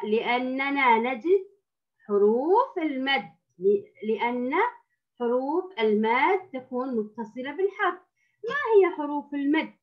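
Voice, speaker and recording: A woman teaching a first-grade reading lesson, stretching out sounds and words slowly and repeating them patiently for young pupils. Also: sits high. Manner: addresses the class as girls, with patient repetition. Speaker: primary school teacher. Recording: dull lo-fi recording.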